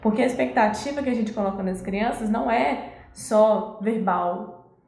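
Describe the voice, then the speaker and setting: A woman's voice: medium pitch, normal speed, creaky, a little mellow, echoey room. A woman educator giving a live talk on parenting, explaining patiently and acting out scolding parents.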